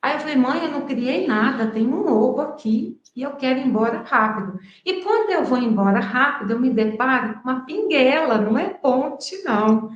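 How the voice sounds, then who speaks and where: A woman's voice: high-pitched, animated, highs cut off. A woman in her fifties from Brazil, retelling a personal memory at length with emotion and frequent asides. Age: 50s. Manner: emotional, drawn-out retelling with many "né". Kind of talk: personal storytelling. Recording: echoey room.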